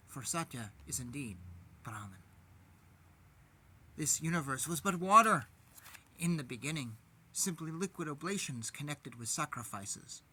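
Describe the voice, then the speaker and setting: Guy reading old scripture aloud, bright voice, calm even pace. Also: a little high. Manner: steady, measured recitation. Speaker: podcast host reading scripture.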